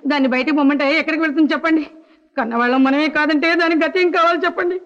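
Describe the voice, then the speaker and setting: A woman's voice: high-pitched, racing, fairly bright tone. A fretful, fussing mother. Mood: pleading. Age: middle-aged. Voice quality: fretful, exclaiming. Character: fussing, anxious mother scolding and pleading. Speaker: mother in a film. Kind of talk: 1970s film acting. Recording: dull old film soundtrack.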